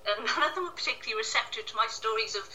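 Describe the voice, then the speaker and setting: A woman from Wales, an author, gives casual, self-deprecating interview answers from her home kitchen indoors. Her fairly high voice is animated, racing, bright and forceful, with a little hiss or hum, and the call sounds distant and tinny in the echoey kitchen.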